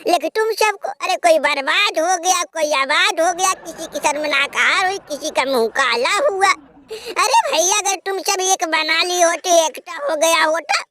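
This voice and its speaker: A man's voice: very high-pitched, measured pace, sharp tone, exaggerated voice. A man voicing a self-pitying defeated male cricket rival who wails and half-laughs while crying, in a comedic dubbed sketch. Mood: complaining. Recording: noisy recording with clicks.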